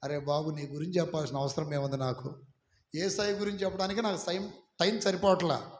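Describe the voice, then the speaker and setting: A man preaching a sermon as pastor, calling on the congregation to repeat his words back loudly. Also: fairly high pitch, flat delivery, fast talker, slight background noise. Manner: preaching with call-and-response, urging the congregation to repeat. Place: church hall. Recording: echoey hall, some of it from far off.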